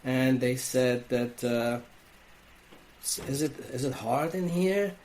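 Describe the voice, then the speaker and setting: An Iranian-accented man speaks as a guest on a conversational podcast. He talks slowly and thoughtfully, pausing and restarting as he works through ideas. His voice sits at a middle pitch. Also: darkish tone, a little hiss or hum. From Iran. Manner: slow, thoughtful, with frequent restarts. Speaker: podcast guest, wellness coach. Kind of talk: reflective interview talk.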